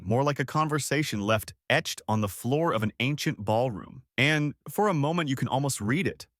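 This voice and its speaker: Wry, lively male documentary narrator. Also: medium pitch, no room sound, clean studio sound. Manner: calm and wry, speaking to the listener as "you". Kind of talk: scripted nature documentary narration.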